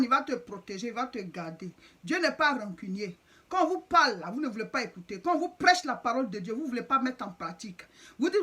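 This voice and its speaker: Woman preacher, high voice, insistent and repetitive sermon delivery. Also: a bit bright.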